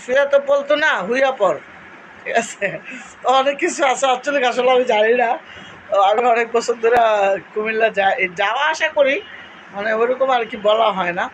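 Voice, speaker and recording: A woman's voice: on the high side, fairly quick, a little hiss or hum, low-quality recording. A woman with a Cumilla Bengali accent, talking casually to her followers and reminiscing at length, with many fillers. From Cumilla, Bangladesh. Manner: rambling, nostalgic storytelling with fillers. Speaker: vlogger.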